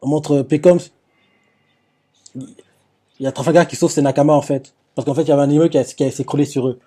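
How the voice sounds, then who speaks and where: A man's voice: fairly high pitch, steady tone, fast, mellow, slightly rough. A man recapping anime scenes live, retelling the action with lots of fillers and restarts. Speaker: anime reaction host.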